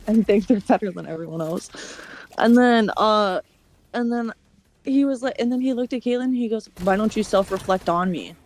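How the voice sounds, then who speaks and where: A woman's voice: mid-range voice, moderate pace, darkish tone. A woman streamer telling a long story in casual chat. She acts out the other people's lines and swears often.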